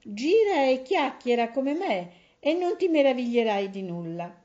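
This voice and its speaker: A woman voicing a sly, boastful tomcat in a storybook reading, speaking in a smug, low, knowing way. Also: big pitch swings, measured pace, a little mellow. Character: sly boastful male tomcat, greedy trickster. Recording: slightly dull lo-fi recording.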